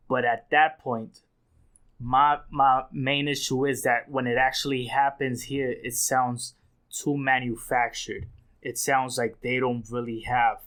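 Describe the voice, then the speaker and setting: A man's voice: medium pitch, a bit bright. A man giving a casual spoken music review, talking in a conversational, opinionated way and restarting phrases as he thinks aloud.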